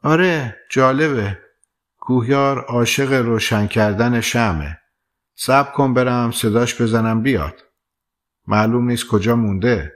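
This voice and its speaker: Male narrator doing caring young woman friend, worried, heartfelt, audiobook, mid pitch. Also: close to an everyday voice. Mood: concerned. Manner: heartfelt, concerned.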